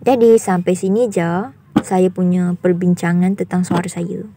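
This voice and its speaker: A young woman with a raspy, husky voice, talking indignantly to her viewers in a vlog and repeating her points firmly. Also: lowish voice, little pitch movement, normal speed, mellow, a little hiss or hum. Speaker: YouTuber.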